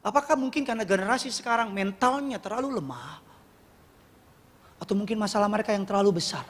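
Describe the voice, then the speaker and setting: Man, pastor, animated sermon, high-pitched, echoing hall. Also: fast. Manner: animated preaching, rising to high emphatic peaks. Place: church hall. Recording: echoey church hall with long reverb.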